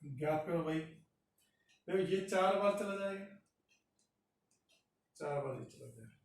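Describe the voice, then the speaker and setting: A man's voice: a little high, expressive, vocal fry. A man teaching chemistry, working a problem step by step and doing the arithmetic aloud. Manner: slow, talks through arithmetic aloud. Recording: roomy echo from far off the mic.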